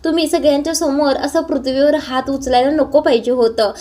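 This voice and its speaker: A woman voicing an anxious young wife who pleads gently with her husband. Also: high-pitched, fairly even intonation, fairly quick, natural voice. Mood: pleading. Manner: pleading, soft-spoken.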